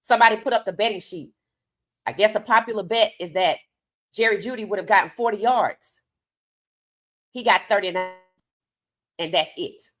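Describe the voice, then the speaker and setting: A woman's voice: medium pitch, moderate pace, pauses often, fairly bright tone. A woman delivering opinionated sports commentary straight to her audience, emphatic, with rhetorical questions and repeated phrases.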